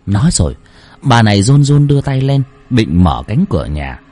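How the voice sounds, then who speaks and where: A man's voice: fairly low pitch, sing-song, normal speed, warm tone. A man narrating a scripted horror story in a dramatic storytelling manner.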